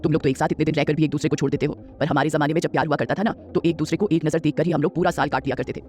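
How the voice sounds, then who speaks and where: A man's voice: fairly high pitch, fairly even intonation, racing, darkish tone, lightly acted. A man voicing a loving old grandmother who coaxes and scolds with affection in an audio story. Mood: playful scolding. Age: older.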